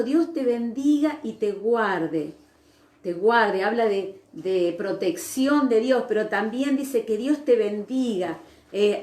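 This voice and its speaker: Slow, high-voiced woman preaching. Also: roomy sound. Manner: slow, reflective with frequent hesitations. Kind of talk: sermon. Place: church service streamed online.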